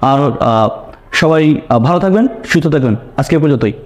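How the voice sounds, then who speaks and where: A man's voice: fairly high pitch, animated, brisk. A man teaching an online pronunciation lesson, repeating key points and asking rhetorical questions.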